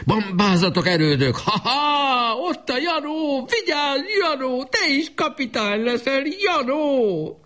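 A man's voice: very high voice, lively intonation, hardly any pauses, sharp tone, pitched above the performer's own voice, exaggerated voice. A raving, feverish dying boy. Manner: hoarse, rattling raving speech. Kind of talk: audiobook reading.

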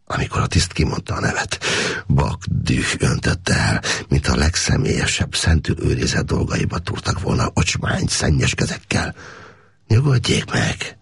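A man narrating an audiobook in a steady, expressive reading voice. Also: very deep voice, gravelly, slightly rough, no room sound, clean studio sound.

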